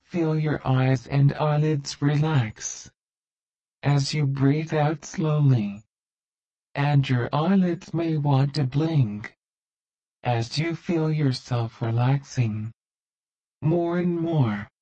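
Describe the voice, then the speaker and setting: A man narrating a guided hypnosis relaxation in a soothing, repetitive, deliberate way. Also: fairly high pitch, dark tone, highs cut off.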